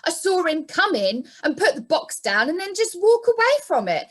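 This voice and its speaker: A woman's voice: very high voice, very animated, moderate pace. A woman playing an eager, earnest young lad in a comic pantomime, with exaggerated enthusiasm. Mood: earnest, protesting.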